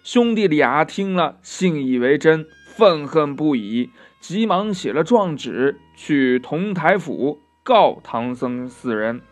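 A man narrating a children's classic tale, gentle and chatty, with asides to his young listeners. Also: fairly high pitch, expressive, takes it slowly, hardly any pauses, faint music behind. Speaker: storyteller.

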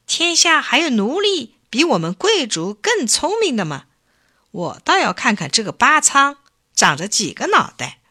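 A woman's voice: high-pitched, big pitch swings, measured pace, sharp tone, pitched above the performer's own voice, full character voice. A woman reading the lines of an arrogant male noble headman in a storybook tale, speaking in scornful exclamations. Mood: indignant.

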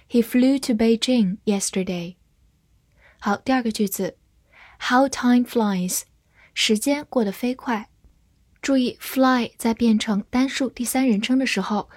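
Lady english teacher, slow careful spelling, a bit high, dry close sound. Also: a little mellow, dry recording. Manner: clear, slow, deliberate spelling and model reading. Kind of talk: scripted vocabulary lesson.

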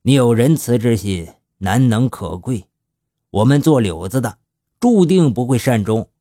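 A shrewd old gang boss, put on by a male storyteller, lays out his plans in a slow, measured, fatherly way. The voice sits a little above the narrator's own low pitch. It is recorded dry and close. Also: lively intonation, dark tone, no echo. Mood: hearty.

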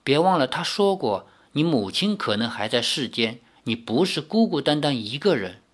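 A man voicing an earnest young man in an audiobook story, coaxing and gentle. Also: fairly high pitch, sing-song, a little fast, breathy edge.

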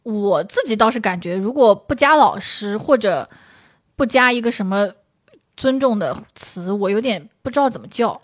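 A woman's voice: medium pitch, lively intonation, moderate pace, no room sound, clean studio sound. A woman co-hosting a casual chat, a counselor who chimes in agreeably. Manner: agreeable, frequent backchannel. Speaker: podcast co-host, psychological counselor.

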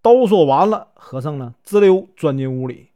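A man with a Northeastern Chinese accent telling a traditional story in a chatty, lively way. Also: fairly high pitch, moderate pace. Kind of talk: storytelling narration.

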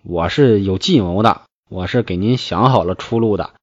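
A man reading a classical novel aloud and explaining it in colloquial speech, with lively, folksy asides. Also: fairly low pitch, normal speed, dry recording. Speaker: storyteller. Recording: dull, dry lo-fi recording.

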